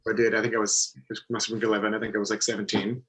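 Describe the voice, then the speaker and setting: A man's voice: lowish voice, monotone, racing, a bit bright, husky, poor audio. A man, chatting casually in a hesitant, understated way as an interview guest. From Nova Scotia, Canada. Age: early 20s. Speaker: stem cell donor, interview guest. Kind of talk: casual conversation.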